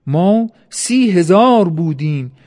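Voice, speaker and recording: An awed soldier, voiced by a man reading recounts what he saw in a steady telling voice. The tone sits somewhat high.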